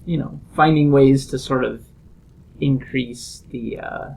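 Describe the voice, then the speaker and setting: A man's voice: medium pitch, fairly even intonation, slow, creaky, a little mellow, rough recording. A man co-hosting a casual podcast, speaking hesitantly with many fillers. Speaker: podcast co-host.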